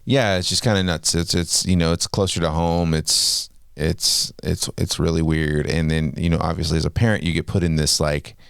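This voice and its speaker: A man's voice: deep voice, fairly even intonation, moderate pace, vocal fry, few pauses, clear, resonant tone, dry recording, studio quality. A man in his forties co-hosting a parenting podcast in casual chat, hesitant and searching for words. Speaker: podcast co-host.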